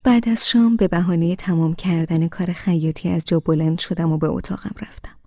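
Woman, audiobook narration, breathy half-whisper, dark mellow tone, dry close sound. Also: on the low side, fairly even intonation, no room sound. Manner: soft, half-whispered and wistful.

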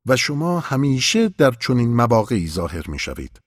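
A man's voice: medium pitch, big pitch swings, no echo, clean studio sound, voice pushed up. A man voicing a curious, earnest young male shepherd who asks questions in an audiobook story.

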